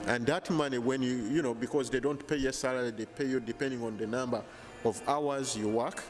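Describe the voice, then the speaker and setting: A Ugandan man in his thirties, an earnest interview guest, speaks in a mid-range voice with fairly even intonation. His manner is measured, and he often restarts his sentences during this casual interview. It takes place indoors in a bright hotel lounge, recorded on a handheld lapel mic.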